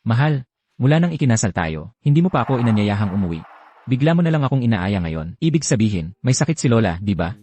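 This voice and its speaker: A man's voice: medium pitch, fast talker, slight background noise, natural voice. A man dubbing a drama, playing a young husband who playfully coaxes and teases his wife. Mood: coaxing. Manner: playful, coaxing, lively. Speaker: dubbing actor. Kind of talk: dubbed drama acting.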